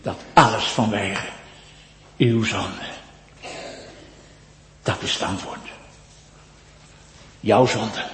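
A male pastor preaching a sermon, slow and solemn, his voice swelling loud and then dropping to a hush. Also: lowish voice, steady tone, slight background noise. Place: church. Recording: echoey church with long reverb.

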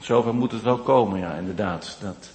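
A man preaching a sermon in a church, rising from hushed, low passages to loud, drawn-out declaiming. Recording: long church reverb.

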